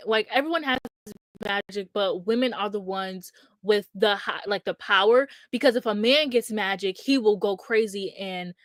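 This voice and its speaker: A woman's voice: medium pitch, fairly bright tone. A young woman in her twenties talks casually and rambles, starting over again and again with plenty of filler words. Her tone is candid and blunt. The sound is dry and close, with little room echo. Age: 20s. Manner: rambling, many restarts and fillers. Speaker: streamer host. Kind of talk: casual chat about books.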